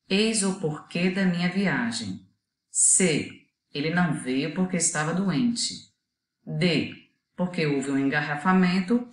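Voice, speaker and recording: A woman's voice: low voice, echoey room. A woman teacher with a Brazilian Portuguese accent gives a video lesson, explaining patiently and asking the students to think.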